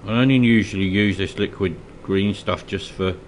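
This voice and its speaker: This low-voiced man speaks at a normal speed against slight background noise. He's Scottish, has a slight cold, and is casually narrating a miniature painting tutorial from his hobby desk. Relaxed yet hesitant, he leans on lots of fillers like um and uh.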